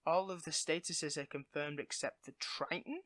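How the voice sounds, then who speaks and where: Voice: mid-range voice, normal speed, bright, forceful tone, no echo, close to an everyday voice. A performer acting a dorky, affectionate villain in a one-sided audio role-play, stammering and sheepish, eager to impress a partner. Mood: anxious, tender.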